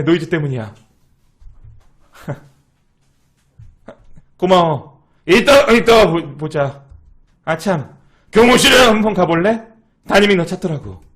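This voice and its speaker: A man streaming a game live, chatting and thanking viewers in a sing-song way, teasing and joking as he plays. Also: on the high side. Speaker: internet streamer. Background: game music.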